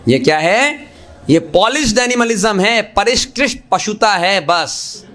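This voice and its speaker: A man giving a Gita class as a Hare Krishna preacher, asking rhetorical questions and mixing English phrases into his talk, lively and joking with listeners. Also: high voice, slow pace.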